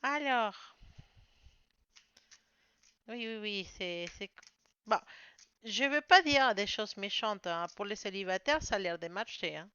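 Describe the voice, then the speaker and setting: Une voix de femme nette et posée, née hors de France, qui parle aimablement avec de nombreuses hésitations pendant un tirage de tarot. L'enregistrement est légèrement sourd. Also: female voice, mid-range voice, normal speed, sharp tone, clean tone, no room sound. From outside France. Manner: apologetic, friendly, hesitant with many fillers. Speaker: tarot reader. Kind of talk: casual tarot reading to camera. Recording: slightly dull lo-fi sound.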